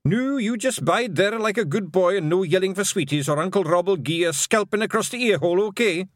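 A man's voice: sits high, lively intonation, brisk, no echo, clean studio sound, pitched above the performer's own voice. A man voicing a fierce little male pixie clan chief with a Scottish accent, brash and bossy. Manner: brash, gruff, bossy and cheerful.

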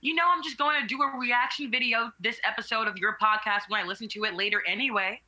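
A woman plays a smug social media influencer, breezy and mocking, slipping in sponsor plugs. Her tone is piercingly bright and a touch high. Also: fairly even intonation, fast talker. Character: smug woman influencer, gleeful and self-promoting.

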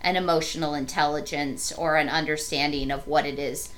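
A woman's voice: sits low, steady tone, a little fast, fairly bright tone. A woman co-hosting a podcast, explaining her point in an earnest, conversational way. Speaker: podcast co-host.

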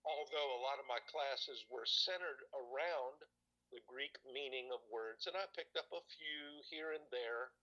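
A man telling stories in casual conversation, often pausing and searching for words. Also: medium pitch, pushed and bright, highs cut off. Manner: rambling, hesitant, searches for words. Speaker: guest recalling church experiences.

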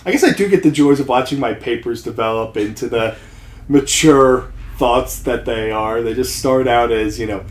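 A man's voice: medium pitch, normal speed. A man, a guest, chatting casually with dry, self-deprecating humor and frequent restarts. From New Jersey. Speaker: podcast guest, seminary student and accountant. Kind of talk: casual chat. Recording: echoey room.

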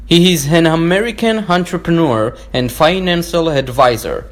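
A man's voice: fairly high pitch, moderate pace. A young man with an Israeli accent who hosts a podcast and asks questions hesitantly, with frequent fillers. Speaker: podcast host. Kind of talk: podcast interview.

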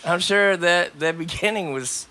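A man's voice: sits high, measured pace, bright, forceful tone. A man hosting a casual podcast, talking loosely, swearing and laughing often. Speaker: podcast host. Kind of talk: casual chat.

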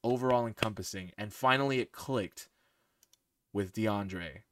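A man hosting a casual podcast with friends, telling a story in animated, mock-exasperated bursts. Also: fairly low pitch, measured pace, slight background noise. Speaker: podcast host. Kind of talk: casual chat among friends.

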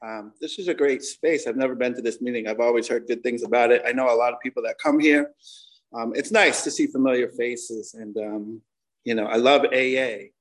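Speaking briskly with fairly even intonation, a man in his forties shares a casual personal testimony at a recovery meeting. He's from Connecticut, has an American accent and a medium-pitched voice, and talks in a candid, slangy, conversational style. The audio is poor.

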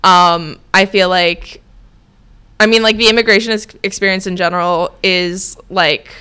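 A woman's voice: medium pitch, fairly even intonation, normal speed, sharp tone, smooth. A young woman co-hosting a movie podcast, chatting in a rambling, giggly way full of fillers. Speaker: podcast co-host. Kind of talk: casual chat.

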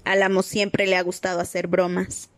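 A woman's voice: on the low side, completely flat delivery, normal speed, no echo, natural voice. A grumbling, spiteful old male house-elf, as a woman reader puts him on mutters under his breath and refers to himself in the third person. The storybook reading is dry and close, with no room around the voice. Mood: bitter muttering.

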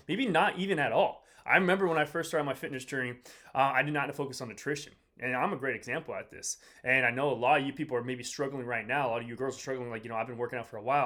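Here a man with a mid-range, slightly bright voice sounds unwell and depleted. He's a fitness coach hosting a relaxed motivational podcast, rambling to a live audience with lots of slang and repetition aimed straight at them.

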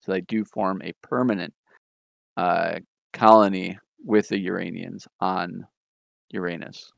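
A man hosting a casual podcast, retelling comic book history in a relaxed way with frequent ums and small chuckles. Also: low-pitched, a little slow, gravelly, no echo. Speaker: podcast host.

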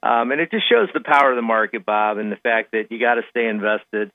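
A man giving conversational market commentary as a radio analyst, talking in a halting way with frequent verbal hedges. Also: mid-range voice, no room sound. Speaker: financial market analyst guest on a radio show. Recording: tinny, narrow phone-like line.

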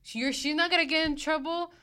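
A woman co-hosting a casual podcast, telling stories in an animated way and acting out both sides of the dialogue. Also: high-pitched, fast talker. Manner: animated storyteller, acts out dialogue. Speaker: podcast co-host. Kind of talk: casual chat.

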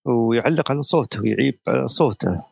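A man's voice: mid-range voice, quick pace, vocal fry, breathy edge, no room sound. A middle-aged man speaks as a guest media professional in a talk on an audio chat room. He lectures persuasively and tells anecdotes.

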